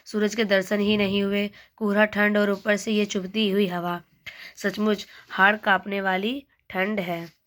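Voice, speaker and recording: A woman teacher reading the lines of a polite, uneasy male office clerk on a visit, slowly and evenly. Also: mid-range voice, natural voice. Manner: slow, flat reading of dialogue.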